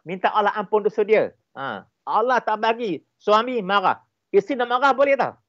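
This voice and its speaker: A Malaysian man with a slightly high voice speaks as an interview guest, explaining his points with animated emphasis and lots of repetition. The sound is dry and a little dull. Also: moderate pace, no echo. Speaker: relationship expert guest.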